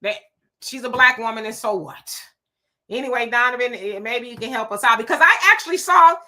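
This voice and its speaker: A woman hosts a casual commentary show in a chatty, sassy way, full of asides and rhetorical questions. Her voice sits high and sounds bright and forward. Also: a little fast.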